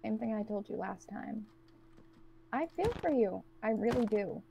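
Woman playing a blunt, monotone loner. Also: medium pitch, measured pace, gravelly, lo-fi sound, noisy background. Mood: cold. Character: cold, guarded woman trapped with strangers.

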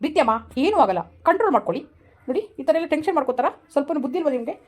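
Brief: gruff, scolding father-in-law, fast and lively, voice pushed low, put on by a woman. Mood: bossy. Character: bossy village father-in-law, self-styled senior surgeon.

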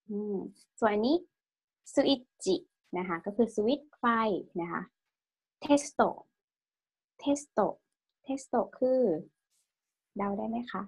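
Husky-voiced woman teaching a language class. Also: medium pitch. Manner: patient, asks the students questions and drills pronunciation; tag-questions every phrase with polite particles. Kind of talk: online language lesson.

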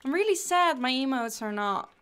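A woman's voice: high voice, lively intonation, moderate pace, fairly bright tone, smooth. A young woman chatting casually through a game livestream, giggling often and thanking viewers as she plays.

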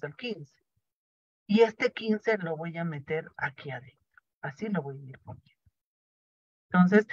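A man's voice: high voice, fairly bright tone, dry recording. A man teaching programming in a lecture, explaining each step and answering his own questions. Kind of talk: classroom lecture. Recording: dry, dull lo-fi sound.

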